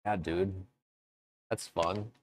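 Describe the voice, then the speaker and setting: A man streaming live from his woodworking shop, chatting casually with viewers in a relaxed, rambling way. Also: low-pitched, drawn-out words, no echo. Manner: relaxed, rambling, chats with viewers between tasks. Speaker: woodworking livestreamer. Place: home workshop.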